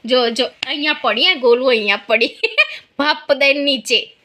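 A woman's voice: high voice, unhurried, sharp tone. A young woman from Gujarat, a mother vlogging at home, talking to her small child and the camera in a playful, teasing, coaxing sing-song way. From Gujarat, India. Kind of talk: casual home vlog chat.

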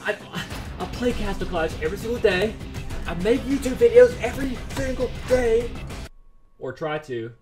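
A man commentating his own game play as a YouTuber, excitable, pleading and quickly exasperated over his luck. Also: high voice, over music. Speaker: gaming YouTuber.

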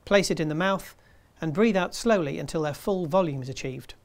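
A man in his fifties presenting a scripted tutorial in a measured, step-by-step way. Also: a little high. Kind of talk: scripted instructional narration.

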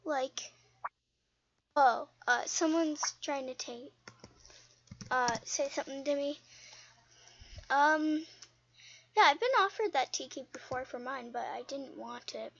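A young woman chatting casually while playing an online game, rambling and quick to get indignant. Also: high-pitched, vocal fry, a bit bright, muffled recording. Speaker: game video host. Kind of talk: casual gameplay commentary.

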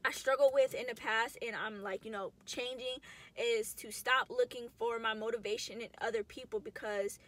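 Bright, chatty young woman vlogging. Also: on the high side, fairly even intonation, normal speed. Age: 20s. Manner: chatty, emotional, slangy. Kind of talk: casual vlog chat to camera. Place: in a car.

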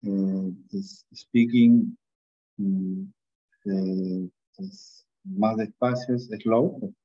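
A man's voice: on the low side, steady tone, drawn-out words, slightly rough, lo-fi sound. A man, a student in an English lesson, answering hesitantly with many fillers.

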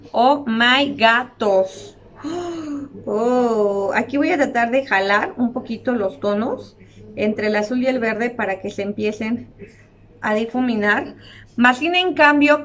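A young woman, chatting through a makeup tutorial and gushing over the colors to her viewers. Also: fairly high pitch. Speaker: beauty vlogger.

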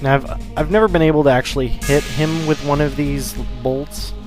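A man's voice: on the high side, fairly even intonation, normal speed. A man giving casual, wry, explanatory commentary as he plays a video game. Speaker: let's play host. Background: loud game music.

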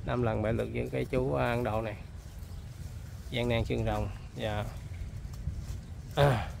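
Gravelly-voiced Southern Vietnamese man vlogging outdoors. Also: mid-range voice, fairly even intonation, moderate pace, a little mellow, slight background noise. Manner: chatty, keeps addressing viewers as folks. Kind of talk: casual on-location vlog chat. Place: rural outdoors near buffalo and water.

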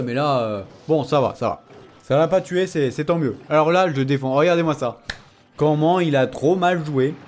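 Gaming host, male, somewhat high pitch, excitable, teasing, laughs a lot. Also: a little hiss or hum. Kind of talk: casual gameplay commentary.

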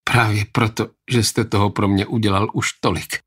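A man's voice: fairly low pitch, little pitch movement, a bit bright, husky. A man reading an audiobook, voicing a frightened young male servant who pleads in a shaky voice. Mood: meek.

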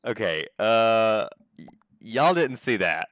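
A young man gives casual gameplay commentary on a livestream, joking and laughing often. His voice bounces around with lively pitch. The sound is dry and close. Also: slow, no room sound. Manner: excitable, laughs often, jokey.

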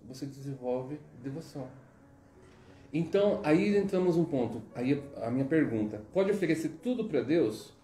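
A Brazilian man gives a chatty, rambling spiritual lesson and keeps checking in with his listeners. His voice is mellow and slightly high, heard in an echoey room with faint music behind. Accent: Brazilian Portuguese. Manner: chatty, digressive, frequent tag questions. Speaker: spiritual teacher. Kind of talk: informal teaching with storytelling. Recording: roomy echo, faint music.

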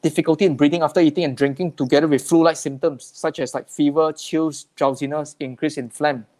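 A man's voice: fairly high pitch, steady tone, a little fast, darkish tone. A man working as a speech therapist, giving a slide-based health talk in a plain, explanatory way and often repeating words.

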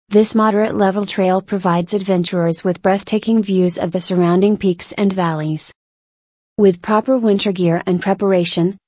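A woman reading a scripted voice-over narration for a hiking video, in a smooth, even, descriptive way. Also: lowish voice, dry recording. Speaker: vlog narrator.

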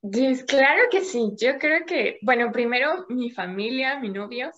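With the highs cut off, her voice still comes across as animated, a bit bright and on the high side, moving a little slowly. She is a young Mexican woman, a climate scientist, chatting casually as an interview guest by video call, explaining at length and laughing softly now and then.

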